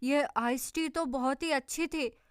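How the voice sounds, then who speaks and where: A woman voicing an easygoing, muddled middle-aged father in a dubbed drama recap, with a softer, lowered delivery. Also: a little slow, no echo, studio quality. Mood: dreamy.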